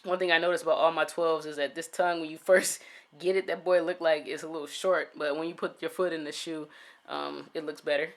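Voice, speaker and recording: A man's voice: fairly high pitch, little pitch movement, fairly quick, a bit bright. Laid-back man reviewing sneakers. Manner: laid-back, many "um" fillers, talks to "you guys". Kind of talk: casual product review.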